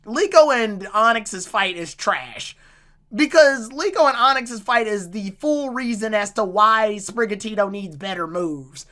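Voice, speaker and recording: A woman giving a casual, excitable recap and review of anime episodes, breaking into laughter and correcting herself as she goes. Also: mid-range voice, a little slow. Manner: excitable, laughs out loud, restarts and self-corrects.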